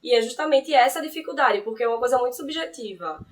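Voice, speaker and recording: A woman's voice: a little high, animated, fast talker, recorded from a distance, a little hiss or hum. A young woman, explaining her view earnestly in an interview. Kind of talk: reflective interview answer.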